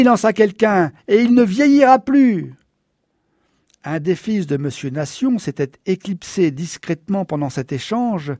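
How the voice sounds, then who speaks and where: A man reading a novel aloud in the first person, measured and somber. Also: fairly high pitch, warm tone, no room sound, studio quality. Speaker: audiobook narrator. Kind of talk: scripted first-person narration.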